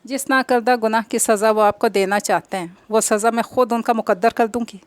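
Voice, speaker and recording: A woman's voice: a little high, fairly even intonation, fairly quick, smooth, dry recording, natural voice. A woman reading aloud, voicing a bold, determined young woman who reassures her older sister firmly. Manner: firm, reassuring.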